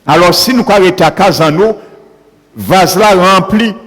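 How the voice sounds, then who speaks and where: A man's voice: high-pitched, measured pace, a bit bright. A man preaching a sermon, punctuating his points with repeated calls of alleluia. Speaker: pastor. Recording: long hall reverb.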